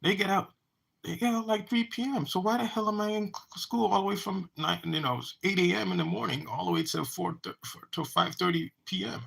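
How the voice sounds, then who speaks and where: A man's voice: high voice, a little fast, creaky, a bit bright, husky. A man who talks about his own life in a rambling monologue, often restarting and repeating words. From United States. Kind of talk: personal monologue.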